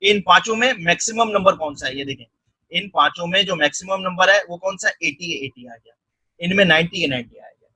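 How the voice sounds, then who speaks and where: A man narrating a screen-recorded software tutorial step by step. He keeps checking in with the viewer and mixes English technical terms into his speech. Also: high voice, brisk, husky, no room sound, low-quality recording. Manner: step-by-step, repeating "theek hai" and "ye dekhen" to guide the viewer.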